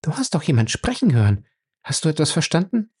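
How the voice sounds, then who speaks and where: A man reading a storybook voicing a sharp-witted young woman who argues fast and incredulously. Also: low-pitched, sing-song, breathy edge, pitched above the performer's own voice, exaggerated voice. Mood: alarmed. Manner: quick, incredulous, argumentative.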